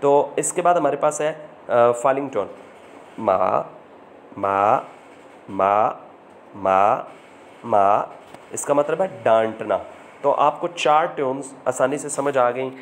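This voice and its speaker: A language teacher with a medium-pitched voice leads an online lesson over slides at a moderate pace, asking questions aloud and repeating the answers. There's a slight hiss or hum in the audio.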